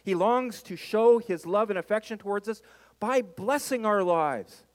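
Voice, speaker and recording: A man's voice: sits high, animated, unhurried. A man preaching a sermon as a pastor, with an emphatic delivery that leans on dramatic repetition. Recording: reverberant hall.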